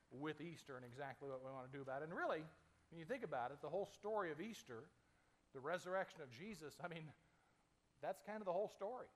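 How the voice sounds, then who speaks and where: Male pastor from Arizona, sermon in church, easygoing conversational delivery, slightly higher-pitched voice. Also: big-room sound. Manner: conversational, folksy asides and light jokes.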